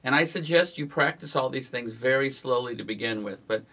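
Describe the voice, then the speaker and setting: A man teaching guitar strumming in a relaxed, instructional way, counting the beats aloud as he plays. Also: medium pitch, brisk. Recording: guitar playing behind the voice.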